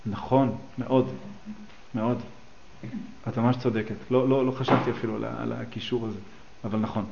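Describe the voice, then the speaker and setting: A man's voice: medium pitch, steady tone, gravelly, muffled recording, background noise. A man teaching a class on scripture, explaining the texts line by line and asking his listeners questions. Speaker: religious teacher. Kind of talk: teaching a class on a psalm and midrash.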